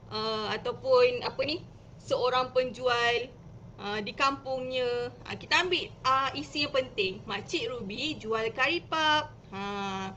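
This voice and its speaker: A woman teacher with a Malaysian Malay accent offers casual tips on a live stream in a slightly high voice. She is chatty, explaining things step by step with lively emphasis. Slight background noise can be heard.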